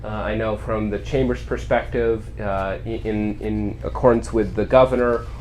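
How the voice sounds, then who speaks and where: A man hosting an informal community interview, asking rambling questions in a halting, conversational way. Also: fairly low pitch, fairly even intonation, a little mellow, slight background noise, poor audio. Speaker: host.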